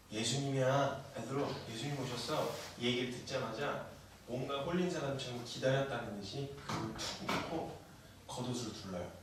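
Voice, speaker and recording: A male missionary preacher telling a sermon story, acting out the dialogue and swinging from hushed whispers to shouts. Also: on the high side. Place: large church hall. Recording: echoey hall, distant mic, noisy.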